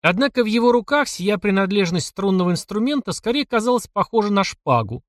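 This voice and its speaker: Man, audiobook narrator, expressive, fairly high voice, dry recording. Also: brisk, no room sound. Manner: expressive storytelling. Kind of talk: scripted narration.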